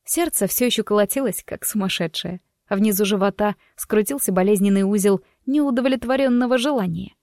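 A woman's voice: medium pitch, fairly quick, a little mellow, no echo, clean studio sound. A woman narrating an audiobook in the first person, reading expressively and livening up her own quoted dialogue.

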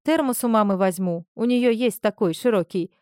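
A caring, obliging young man, read by a woman narrator. He sounds gentle and reassuring in her own middle-pitched voice. The storybook recording is dry and close. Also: normal speed, clean tone, no echo, natural voice.

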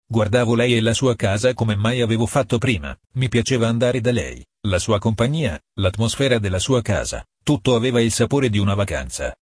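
A man reading a novel aloud, calm and measured, partly in the first person. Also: fairly low pitch, breathy edge, dry recording, clean studio sound. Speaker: audiobook reader.

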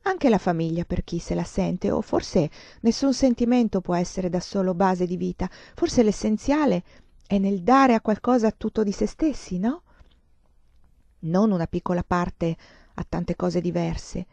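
A woman's voice: lowish voice, a little slow, vocal fry, darkish tone, no room sound. A woman reading the lines of a serious, thoughtful young female student in an earnest, reflective way.

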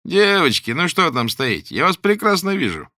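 A man voicing an unhinged stalker who taunts in a loud, drawn-out, mock-sweet way. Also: on the high side, very animated, no room sound, clean studio sound, pitched above the performer's own voice. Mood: coaxing menace.

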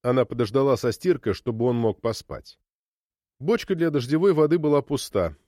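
A man reading a story aloud as narrator in an expressive storytelling delivery. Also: medium pitch, moderate pace, no echo, clean studio sound. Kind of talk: scripted narration.

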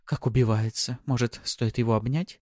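A man's voice: medium pitch, steady tone, moderate pace, darkish tone, no echo, studio quality, pitched above the performer's own voice, lightly acted. A man voicing a mocking female succubus who drawls her words with sarcasm. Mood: sarcastic.

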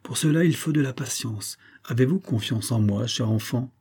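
A man voicing a smooth, scheming middle-aged army major with a coaxing, honeyed manner. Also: medium pitch, moderate pace, darkish tone. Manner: coaxing, honeyed, then contemptuous.

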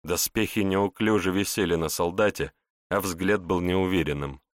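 A man's voice: low voice, normal speed, no room sound, studio quality. A man narrating a scripted fantasy story as an audiobook reader.

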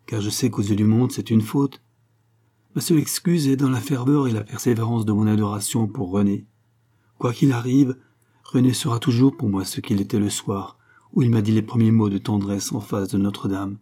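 A man's voice: medium pitch, warm tone, breathy edge, close to an everyday voice. A man reading a novel aloud and voicing a fervent, pleading young pregnant woman. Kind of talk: audiobook reading.

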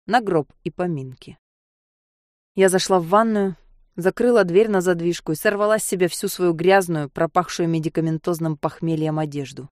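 A woman narrating a novel in the first person with a steady, measured reading. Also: on the low side, no echo, studio quality. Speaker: audiobook narrator.

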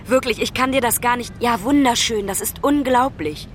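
A lonely young woman abroad, affectionate but anxious, pleading down a phone line, as an actress plays her in a radio play. Her voice sits a little high for a woman. The talk is urgent and searching. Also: normal speed, slight background noise, lightly acted. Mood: delighted.

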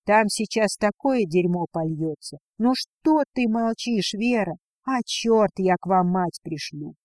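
A woman's voice: medium pitch, lively intonation, unhurried, a little mellow, no echo, natural voice. A woman voicing a blunt, commanding older father who talks brusquely. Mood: gruff.

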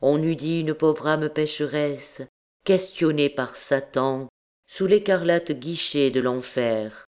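A woman reading a classic novel aloud as an audiobook, in a measured, solemn way. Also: deep voice, darkish tone, clear, resonant tone. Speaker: audiobook narrator. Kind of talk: scripted literary narration.

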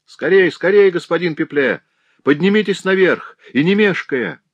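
A man voicing a mysterious male stranger who calls down a stairwell in a piercing, shrill and insistent voice, in a storybook reading. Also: very animated, moderate pace, dry recording, lo-fi sound. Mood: urgent calling. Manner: urgent, insistent shouting. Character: mysterious shrill male voice calling from upstairs, pushy.

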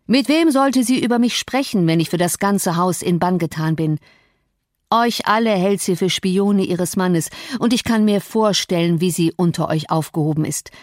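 A woman voicing a brooding, domineering and violent grown man in an audiobook, forceful and threatening. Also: on the low side, no echo, clean studio sound, natural voice. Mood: commanding. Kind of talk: audiobook reading.

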